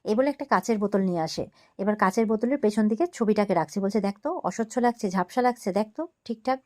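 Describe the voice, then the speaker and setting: A woman's voice: medium pitch, fast. A woman retelling a TV serial episode in a casual way, acting out the dialogue in a raised voice. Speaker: serial recap narrator.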